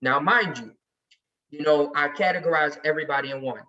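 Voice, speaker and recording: A man's voice: on the high side, brisk, bright, forceful tone. A man talking emphatically and heatedly in casual chat as a regular on a sports podcast. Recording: distant, muffled recording.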